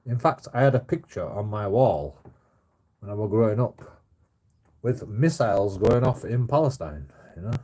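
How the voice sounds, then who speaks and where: A blunt Bradford livestream host in his forties, with a West Yorkshire accent, rants casually about his opinions in a mellow, lowish voice. He speaks expressively at a moderate pace. Expect swearing, repetition, and lots of "you know" at the ends of sentences.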